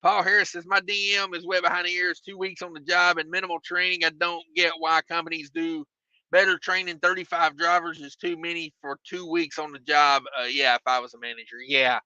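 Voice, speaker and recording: Reading viewer comments on his trucking livestream, a man rambles in a relaxed way, full of fillers and repeated phrases. His voice sits on the high side and moves briskly but is growing tired and hoarse as he loses it. The audio has no echo, and the highs are cut off.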